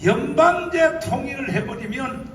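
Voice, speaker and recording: A pastor preaching a fiery rally speech in a large convention hall, throwing rhetorical questions at the crowd and shouting them down. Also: male voice, extremely high pitch, animated, unhurried. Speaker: pastor addressing a political rally. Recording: echoey hall from far off, noisy.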